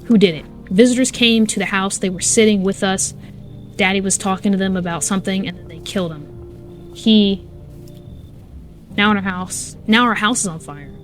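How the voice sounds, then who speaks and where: A woman voicing a frightened young girl who stutters in a hushed voice. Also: mid-range voice, moderate pace, soft background music, natural voice. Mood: scared.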